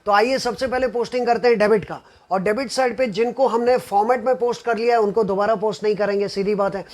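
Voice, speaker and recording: High-voiced man teaching accounting. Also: fairly even intonation, fast. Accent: Mumbai Hindi. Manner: explains step by step, asks questions to students and answers them himself; mixes English accounting terms into Hindi. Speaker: commerce teacher. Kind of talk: online accounting lesson.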